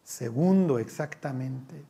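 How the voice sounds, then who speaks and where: A man's voice: mid-range voice, slow pace, gravelly. A man preaching a sermon, asking his listeners questions and acting out the voices he quotes. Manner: animated, asks the congregation questions and acts out quoted voices.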